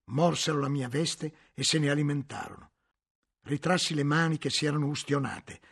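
A man narrating a novel as an audiobook, in a measured, dramatic storytelling manner with a gravelly, husky voice. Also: a little high, steady tone, a bit bright.

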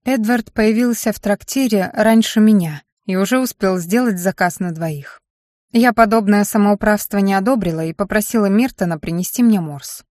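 A woman reading a first-person fantasy story aloud in a steady, measured narration. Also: mid-range voice, no room sound, studio quality. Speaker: audiobook narrator. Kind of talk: scripted narration.

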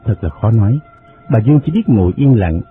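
A man reading a novel aloud in steady, measured narration. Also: on the low side. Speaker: audiobook narrator. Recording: phone-like sound, faint music.

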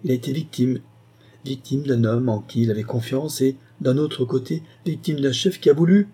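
A man voicing a scheming young governess who talks in a measured, pointed way, in an audiobook reading. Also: mid-range voice, dark tone, slightly rough, voice pushed up, close to an everyday voice. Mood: earnest. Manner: measured, pointed, deliberately detaching words.

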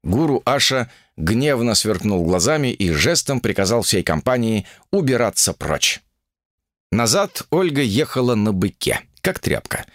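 A man narrating an audiobook in an even, steady storytelling manner. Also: fairly low pitch, no room sound, studio quality. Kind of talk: scripted narration.

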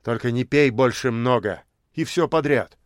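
A man voicing a chatty, jovial man who jokes loudly, in a story reading. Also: medium pitch, moderate pace, no echo, studio quality, close to an everyday voice. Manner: loud joking banter.

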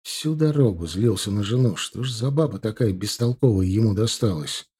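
A man narrating an audiobook in an expressive storytelling manner. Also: fairly low pitch, moderate pace, slightly rough. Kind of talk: scripted narration.

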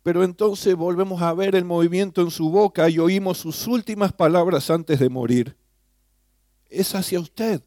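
A man leading a guided devotional meditation, earnestly addressing the listener with questions, his voice swelling on key phrases and falling soft at line ends. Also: high voice, normal speed, no room sound, studio quality. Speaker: preacher. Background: soft guitar music.

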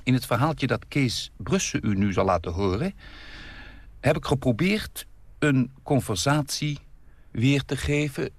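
A man, the author, calmly introducing his own story in a measured, reflective way. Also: medium pitch, gravelly, no echo. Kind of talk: spoken introduction.

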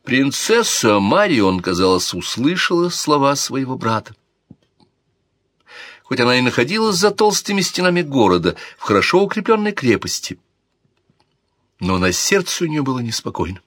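A man narrating a historical audiobook in an expressive, theatrical reading. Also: medium pitch, normal speed, no echo.

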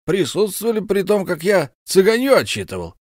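A man's voice: high-pitched, sing-song, a little fast, no echo, clean studio sound, pitched above the performer's own voice. A man voicing a blustering, hot-tempered, slightly drunk count who hosts a ball, speaking in effusive, theatrical exclamations. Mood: indignant. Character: blustering tipsy middle-aged count, host of a ball.

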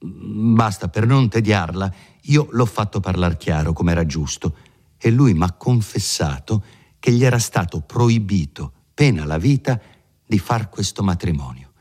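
A man's voice: low voice, animated, measured pace, darkish tone, exaggerated voice. A man voicing an earnest, agitated young peasant in an audiobook reading, insistent and pleading.

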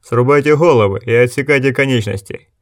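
A man voicing a bold young swordsman who loudly commands the others. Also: medium pitch, fairly quick, natural voice. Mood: commanding. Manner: loud, commanding.

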